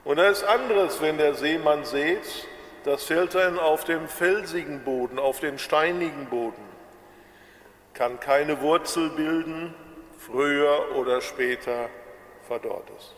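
A man from the Ruhr area preaching a sermon with a Ruhr German accent, slow and measured, drawing out his words. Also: on the high side, a bit bright, echoey room, big-room sound. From Bochum, Ruhr area, Germany. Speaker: pastor.

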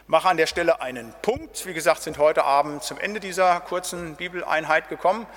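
A man's voice: a little high, fairly quick, fairly bright tone, in a large hall. A middle-aged man, a pastor, giving a casual Bible study talk and dropping in "ne?" and "halt" as he goes. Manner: casual, with tag questions "ne?" and "halt".

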